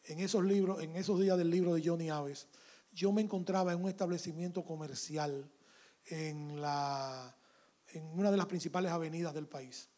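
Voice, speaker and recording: A man with a Dominican Spanish accent, speaking in a fairly high voice. He tells a story in an interview and acts out the conversation he had. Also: moderate pace. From Dominican Republic. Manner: animated anecdote, acts out dialogue. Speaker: author.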